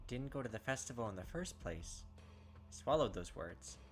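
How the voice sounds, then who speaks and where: A man hosts a let's-play of a visual novel, alternating between reading the story text aloud and animated, puzzled commentary full of speculation and character impressions. His mid-range voice moves at a moderate pace over the game's background music.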